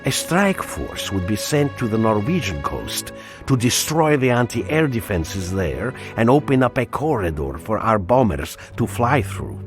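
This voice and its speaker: A war-weary Soviet soldier recounting the campaign in a war game. His low voice is dry and sardonic yet moves expressively, with music underneath. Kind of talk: scripted game narration.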